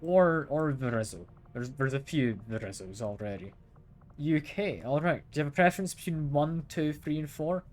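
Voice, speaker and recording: A man's voice: fairly high pitch, expressive, normal speed, soft background music. A man streaming a game live, chatting casually, asking his viewers questions and chuckling often. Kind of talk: casual live gameplay chat.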